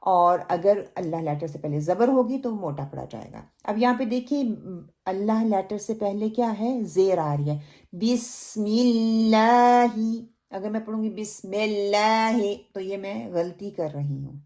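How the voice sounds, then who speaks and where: A woman's voice: mid-range voice, dark tone. A woman teaching Quran pronunciation in a recorded lesson, explaining patiently and drawing out words to demonstrate them. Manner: slow, patient explanation with drawn-out demonstrated recitation.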